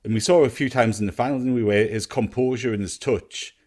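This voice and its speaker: A man's voice: mid-range voice, brisk, a little mellow. A man talking casually about football as a podcast panellist. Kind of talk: casual football fan chat.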